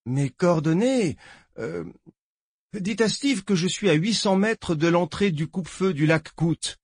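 A man's voice: high-pitched, lively intonation, unhurried, breathy edge, no room sound, clean studio sound, voice pushed up, full character voice. A man voicing a nervous young male sheriff's deputy who keeps hesitating over the radio. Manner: hesitant, stammers with frequent "uh".

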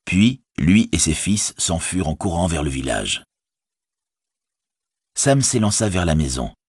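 Brief: male audiobook narrator, low and husky, animated delivery, dry close sound. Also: measured pace, no echo. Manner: lively storytelling. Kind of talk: audiobook reading.

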